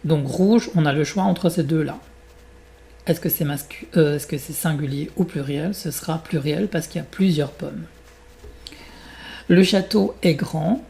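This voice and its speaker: A man teaching French in a French accent narrates a fairy tale, then takes learners step by step through exercises, slow and deliberate. His voice is on the high side, gravelly, and warm in tone.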